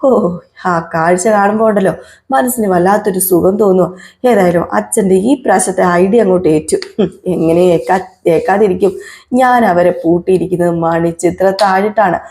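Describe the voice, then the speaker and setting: A woman's voice: on the low side, mellow, lightly acted. A woman voicing a spiteful, scheming young woman who scoffs and sniffs with scorn. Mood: gloating.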